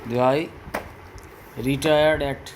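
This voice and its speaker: A man with a Bengali accent teaching an English lesson, explaining each word slowly and spelling out syllables. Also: a little high, fairly even intonation, a little hiss or hum, rough recording. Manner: slow, deliberate, spells out words and syllables.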